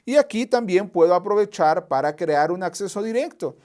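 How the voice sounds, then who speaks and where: A software trainer walks viewers through a tutorial over a screen share, methodically repeating key points and thinking aloud as he clicks. His voice sits high and sounds animated, at a normal speed.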